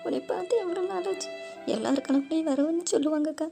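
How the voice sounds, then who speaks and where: A chatty, jumpy young village woman from a cartoon, voiced by a woman in a high, gravelly register. She frets and cries out in comic dread, then speaks tearfully. Clear music runs behind her voice. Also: quick pace. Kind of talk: cartoon voice acting.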